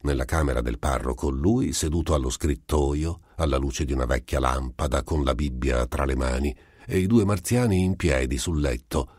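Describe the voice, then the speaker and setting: A man narrating a literary story for an audiobook in a measured storytelling way. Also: a bass voice, darkish tone, breathy edge, dry recording, clean studio sound.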